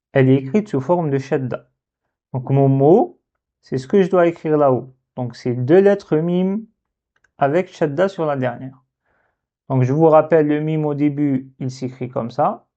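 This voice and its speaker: A man teaching a lesson on Arabic letters, slowly thinking aloud as he works through a dictation exercise. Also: on the high side, mellow. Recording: dull lo-fi sound.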